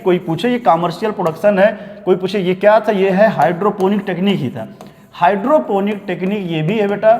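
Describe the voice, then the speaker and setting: A man with a high voice teaches biology for exam prep, speaking Hinglish. He keeps calling his students "beta" and tells them to pay attention. He reads textbook lines out slowly, then explains them at speed, and a long reverb hangs on his voice. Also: a little mellow. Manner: addresses students as beta, repeats "dhyan denge".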